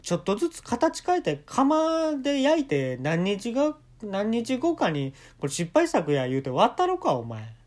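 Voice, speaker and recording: A man with a Kansai accent playing his eccentric, threatening father, jumping from high shouts to low mutters. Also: huge pitch swings, unhurried, few pauses, full character voice. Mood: menacing.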